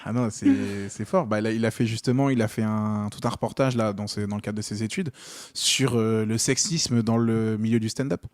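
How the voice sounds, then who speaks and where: A man's voice: on the low side, fairly even intonation, normal speed, dry recording. A young man from Normandy chatting casually as a podcast guest, enthusiastic and full of fillers and restarts. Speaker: guest comedian and comedy club organiser.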